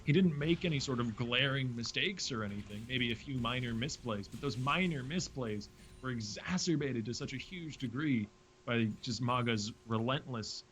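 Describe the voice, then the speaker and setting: Male esports caster, mid-pitched, lively play-by-play with dry humor, faint hiss behind. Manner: quick, lively play-by-play with wry jokes. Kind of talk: play-by-play commentary.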